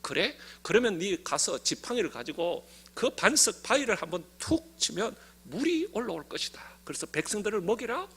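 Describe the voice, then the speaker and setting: A man's voice: sits high, big pitch swings, fairly bright tone, breathy edge, pitched below the performer's own voice, exaggerated voice. A man voicing God as a stern, commanding figure in a sermon retelling. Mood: instructing. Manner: slow, grave, questioning.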